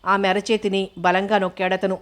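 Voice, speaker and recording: A woman narrates a novel in a measured, steady reading voice. Her pitch is mid and barely moves, keeping an even, flat line. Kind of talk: scripted audiobook narration.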